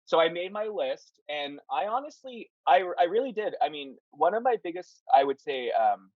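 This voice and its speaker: A man's voice: fairly high pitch, big pitch swings, moderate pace, no echo, phone-quality sound. A young man, a hair stylist, telling a story casually in an interview, rambling with lots of fillers like "like" and "you know". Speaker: hair stylist, salon owner.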